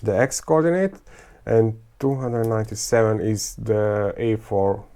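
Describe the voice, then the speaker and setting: Gravelly, fairly low and mellow, the voice belongs to a man teaching through a screen-recorded software tutorial. His first language is Croatian, Serbian and Hungarian; he thinks out loud, stopping, restarting and filling pauses often.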